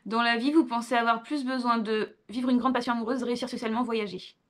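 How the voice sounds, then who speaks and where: A woman's voice: on the high side, steady tone, fast talker. A young woman, reading quiz questions aloud and answering with offhand asides in a casual vlog. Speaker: vlogger.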